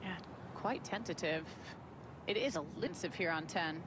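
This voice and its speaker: A woman's voice: lowish voice, measured pace. Woman golf commentator, noisy outdoor ambience. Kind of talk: golf commentary in brief analytical remarks. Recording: outdoor ambience noise behind voice.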